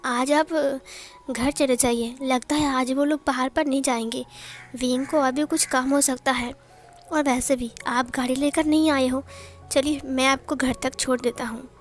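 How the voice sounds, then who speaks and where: A woman voicing a calm, courteous young man who speaks politely and evenly in a storybook retelling. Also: high-pitched, normal speed, faint music behind, lightly acted.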